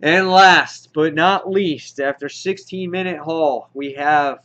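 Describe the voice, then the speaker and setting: In a lo-fi home recording that sounds dull, a comic book channel host reviews in a casual, unscripted vlog, addressing viewers directly like an enthusiastic fan. His voice is on the high side, slow, bright and forceful.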